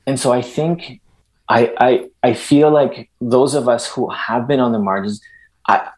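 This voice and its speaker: A middle-aged Salvadoran man, appearing as a guest in a conversational interview, speaks animatedly with many restarts and emphatic asides. His pitch is medium and his pace measured.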